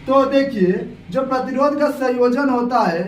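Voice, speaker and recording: A man's voice: very high-pitched, measured pace, far from the mic. A young man teaching a science lesson at a whiteboard, explaining step by step and repeating key terms. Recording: echoey room, off-mic.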